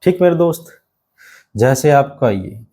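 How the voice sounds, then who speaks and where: This grammar teacher's voice is medium-pitched, dark, and animated, with a breathy edge and an unhurried pace. Speaking to exam students, he explains step by step, tosses out many rhetorical questions, and often refers to them as his friends.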